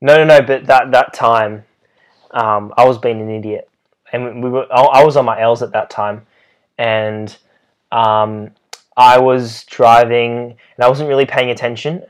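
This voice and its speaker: A man's voice: mid-range voice, unhurried, clean tone. Young Australian man telling a story. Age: young adult. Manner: animated storytelling, acts out quotes. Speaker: podcast co-host. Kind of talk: casual chat.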